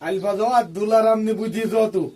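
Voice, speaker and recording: Man as scheming villager, coaxing and bossy, quick talk, far from mic. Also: high-pitched, fairly even intonation, dark tone, a little hiss or hum, close to an everyday voice. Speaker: actor in a village comedy skit. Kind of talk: amateur comedy film acting.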